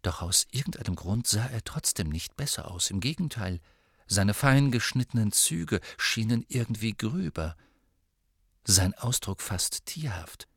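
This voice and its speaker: A male narrator reads a novel aloud in a measured storytelling style. His voice is fairly low. It is recorded close and dry, with no room sound. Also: lively intonation, slightly rough, dry recording. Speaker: audiobook narrator. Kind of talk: scripted narration.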